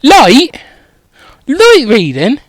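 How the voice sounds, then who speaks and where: A man's voice: very high voice, huge pitch swings, very slow, no room sound, pitched above the performer's own voice, heavily acted. A man doing a grumpy sarcastic boy wizard.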